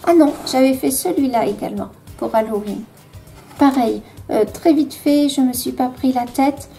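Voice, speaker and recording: Une femme à l'accent français présente ses livres de coloriage chez elle, sur un ton détendu, avec beaucoup d'hésitations et des « euh » fréquents. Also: female voice, high-pitched, normal speed, creaky, dark tone, faint music behind. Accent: French. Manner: hesitant, many fillers, self-deprecating. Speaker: vlogger showing her coloring books. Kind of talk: casual show-and-tell.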